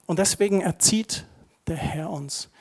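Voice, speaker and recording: A man's voice: sits high, unhurried. A middle-aged man preaching a sermon as pastor, chatty and conversational, with asides to the congregation. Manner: conversational, asides with tag questions.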